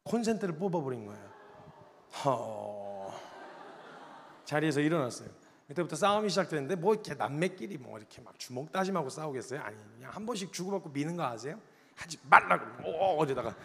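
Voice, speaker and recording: A man in his thirties preaching with humor, animated and acting out the arguments he describes. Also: on the high side, in a large hall. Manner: animated, acts out quoted arguments. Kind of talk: humorous sermon storytelling.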